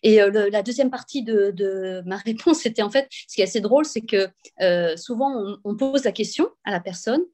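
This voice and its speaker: A woman guest on a webinar panel, speaking hesitantly with many pauses and restarts. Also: medium pitch, darkish tone. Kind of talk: webinar talk. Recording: video call.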